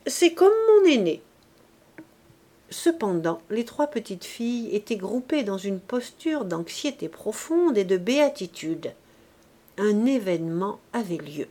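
Calm audiobook narrator, woman, unhurried and measured. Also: medium pitch. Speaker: audiobook reader. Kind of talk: scripted narration.

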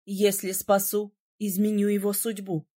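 Woman voicing a stern young male prince mage, gruff and grave, audiobook. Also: medium pitch, monotone, a little slow, warm tone, voice pushed down, natural voice.

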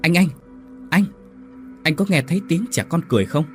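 A man's voice: on the high side, animated, brisk, fairly bright tone, faint music behind, voice pushed up. A man voicing a frightened younger brother who stammers in fear in a spoken ghost story. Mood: scared. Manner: stammering, fearful.

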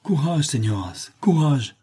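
A man's voice: fairly high pitch, sing-song, measured pace, mellow, slightly rough, voice pushed up, full character voice. A man voicing a young American man who takes charge, barking commands over a storm in a read-aloud story. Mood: reassuring.

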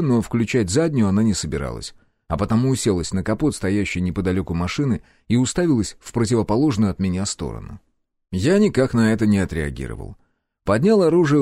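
A man narrates a first-person audiobook in a low, mellow voice. His delivery is calm and measured, yet his intonation moves a lot. The recording is dry and close. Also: dry recording.

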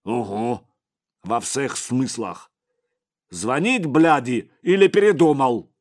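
A man voicing a blunt, gruff male bodyguard who mocks his boss in an audiobook. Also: mid-range voice, lively intonation, slow pace, a little mellow, voice pushed up. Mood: mocking. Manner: mocking, blunt, crude.

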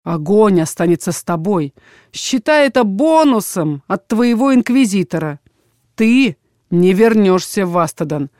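Woman reading a cold, commanding noble father, audiobook character, mid pitch, dry close sound, dismissive. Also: animated, unhurried, darkish tone, no room sound, lightly acted. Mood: domineering. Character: stern, domineering middle-aged father, a lord.

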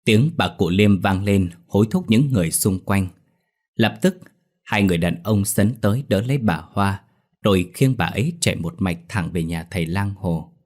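A man narrating a scripted horror story in a lively storytelling manner. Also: deep voice, moderate pace.

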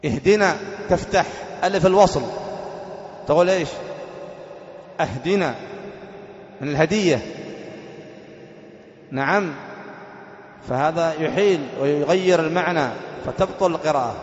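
A man teaches religious law in a long-ringing hall. He breaks each rule into small steps and repeats the essentials. When he quotes scripture he slows down and stresses each syllable with care. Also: on the high side. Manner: explains step by step, repeating key points; slows to recite Quran verses with careful stress. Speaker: sheikh teaching fiqh. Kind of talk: religious lesson. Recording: echoey hall, dull lo-fi sound.

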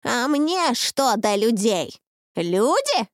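Baba Yaga, creaky scornful old witch, as a woman voices her. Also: mid-range voice, sing-song, dry recording, studio quality. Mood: contemptuous. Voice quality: creaky, icy voice. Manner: slow, scornful, menacing. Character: ancient wrathful forest witch, old woman. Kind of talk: audiobook reading.

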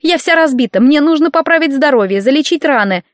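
A woman voicing a whiny, hysterical injured woman who complains in a shrill voice in an audiobook. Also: expressive, fairly quick, no echo, clean studio sound.

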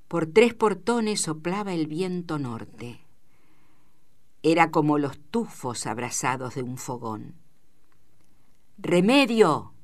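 A woman reading a novel aloud in measured, deliberate narration. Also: low-pitched. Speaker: audiobook reader. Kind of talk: scripted literary narration.

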